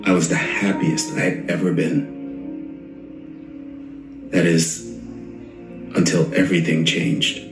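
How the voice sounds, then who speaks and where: A gentle therapist who talks in a deep, unhurried voice and probes softly. The clip sounds roomy, with faint music underneath. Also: male voice. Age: older. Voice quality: deep, slow and calm. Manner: measured, softly probing. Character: gentle older male therapist grieving a lost daughter. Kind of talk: scripted drama clip.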